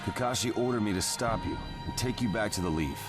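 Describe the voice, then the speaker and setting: A man's voice: fairly low pitch, a little fast, natural voice. A man playing a stern, dutiful adult ninja captain in an anime game, speaking firmly and urgently. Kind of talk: English anime game voice acting. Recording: music behind the voice.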